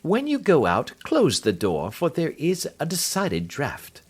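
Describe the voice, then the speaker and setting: A man doing a calm, wry detective. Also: fairly high pitch, unhurried, slightly rough, voice pushed up, heavily acted. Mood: amused. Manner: quiet, bland, imperturbable. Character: calm, amused, clever male detective.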